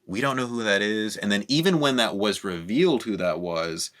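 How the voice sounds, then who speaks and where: A man's voice: fairly low pitch, normal speed. Man chatting casually about a film. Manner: animated, talks in bursts with restarts and quoted reactions. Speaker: podcast co-host.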